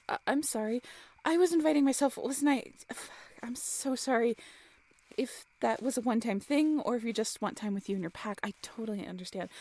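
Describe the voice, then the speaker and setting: In an intimate roleplay audio drama, a woman plays a cheerful, affectionate young woman with a playful, teasing, expressive delivery. Her voice sits on the high side, and the mood is apologetic and tender.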